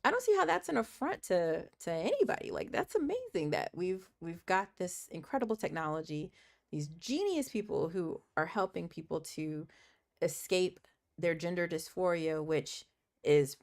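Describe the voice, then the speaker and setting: Croaky, chatty woman livestream host. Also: lowish voice, sing-song, normal speed. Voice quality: croaky morning voice. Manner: chatty, earnest, laughs often, thinks aloud. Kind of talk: casual chat while doing puzzles.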